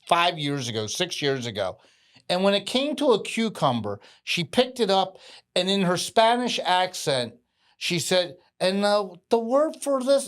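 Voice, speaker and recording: Guy cohosting a podcast, voice bounces up and down a lot, chatty. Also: sits high. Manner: chatty, laughs while talking. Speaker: podcast co-host. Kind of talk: casual chat.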